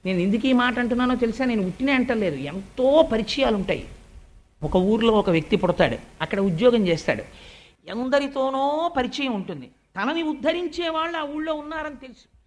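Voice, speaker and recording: A man's voice: very high voice, animated, fairly quick. A man giving a devotional sermon on scripture. He tells stories in a conversational way, adds polite asides to his listeners, and acts out the quoted words of family members and sages. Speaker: spiritual discourse speaker.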